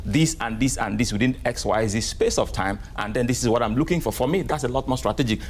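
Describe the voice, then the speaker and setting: A man answering as a guest in an interview, measured and often checking in with "right?". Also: medium pitch, a little hiss or hum.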